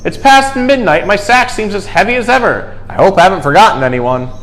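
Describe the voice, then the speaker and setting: A man performs a jolly old Santa from a children's storybook. The voice is raised high and very animated, hearty and full of bluster, exclaiming each line. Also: brisk, rough recording. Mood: weary surprise.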